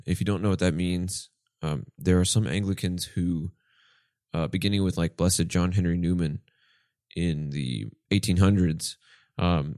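A man's voice: deep voice, darkish tone, no room sound, clean studio sound. A man in his twenties, co-hosting a casual podcast and earnestly telling his faith story with many restarts. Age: 20s. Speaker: podcast co-host. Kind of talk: casual chat about faith.

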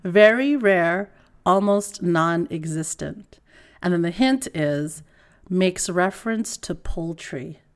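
Brief: woman co-host, lowish voice, giggly and animated, loose chatty delivery. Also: slow. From grew up in a Filipino bilingual household. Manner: giggly, animated, laughs often. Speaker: podcast co-host. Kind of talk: casual chat.

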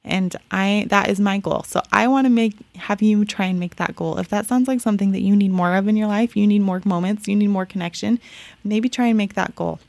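A woman hosts her own podcast in an easy, upbeat, chatty way, doubling words when she wants to stress them. Her voice has a steady vocal fry running through it. The sound is close and dry, with no room around it. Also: mid-range voice, a little fast, dry recording. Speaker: podcast host. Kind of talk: casual solo podcast talk.

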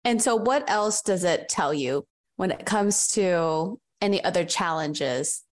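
A woman hosting a business podcast, asking questions and reading sponsor messages in an upbeat, steady way. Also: on the low side, unhurried. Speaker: podcast host. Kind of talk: podcast interview and sponsor reads.

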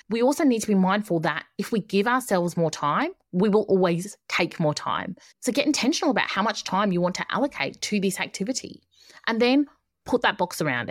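Her voice is fairly low as this woman podcast host coaches listeners on productivity, captured in clean studio sound without echo. The advice comes in an upbeat, orderly, emphatic monologue, instructive in tone, with points built on repeated phrasing.

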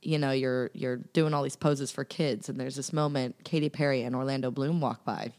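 A young woman with a slight lisp and a low voice for a woman, chatting loosely on a podcast. She is bubbly, laughs easily and drifts into tangents. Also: steady tone, brisk, darkish tone. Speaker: podcast guest. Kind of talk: casual chat.

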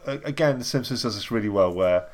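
Male podcast co-host, young, lowish voice, giggly and rambling. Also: animated, fast talker. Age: young adult. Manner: chatty, laughs often, lots of ums and restarts. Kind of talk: casual chat.

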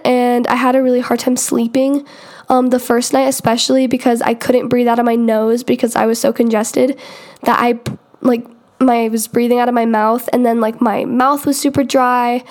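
A young woman talks casually on her own solo podcast while getting over an illness, still congested and full of restarts and "um" and "like" fillers as she rambles chattily. Her voice is on the high side with a darkish tone.

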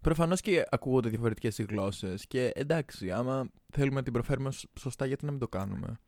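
A young Greek man co-hosting a casual chat, animated and laughing, slipping playfully into other languages. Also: mid-range voice, no room sound. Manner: animated, laughing, jumps into playful English and Spanish.

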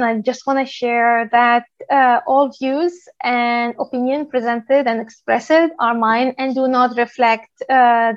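A woman from Tunisia in her thirties gives a presentation on product work, pausing often with "uh" as she explains step by step. Her voice sits a little high. The recording is dry and slightly dull. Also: no room sound. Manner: steady explanatory delivery with frequent "uh" pauses. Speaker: guest speaker, product manager. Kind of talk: presentation talk.

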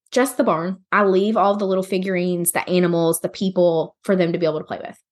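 A woman hosting a podcast, telling a personal story in a rambling, candid, conversational way. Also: mid-range voice. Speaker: podcast host. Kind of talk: casual personal storytelling monologue.

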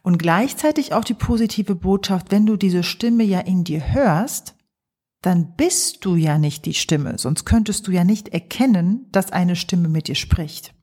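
A woman psychologist and coach hosting her podcast, talking gently and thoughtfully with pauses in a calm reflective monologue. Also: on the low side, husky. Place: home, early morning.

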